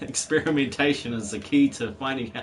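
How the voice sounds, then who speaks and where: A man in his forties keeps a brisk pace chatting casually during a game stream, rambling and quick to laugh. His voice is mid-range and still a bit worn from a cold, with a little hiss or hum present.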